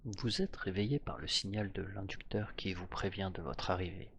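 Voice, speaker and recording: Deep gravelly man guiding hypnosis. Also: slight background noise. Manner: soft, slow, drifting into whispers. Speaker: hypnosis guide. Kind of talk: guided hypnosis narration.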